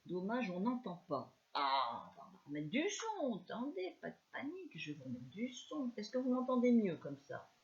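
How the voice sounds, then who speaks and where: A woman with a northern French accent giving a live scrapbooking tutorial, chatty and soft-spoken, with many fillers. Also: medium pitch, huge pitch swings, normal speed, few pauses, lo-fi sound. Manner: speaks softly, chatty, many fillers like "alors" and "hein". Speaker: scrapbooking demonstrator.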